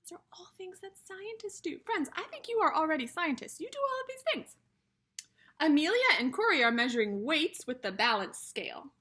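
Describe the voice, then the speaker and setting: Reading a picture book to young kids, this woman teacher keeps her explanations simple and addresses the children like friends. Her voice sits high and is very animated, bright and pushed, moving at a moderate pace.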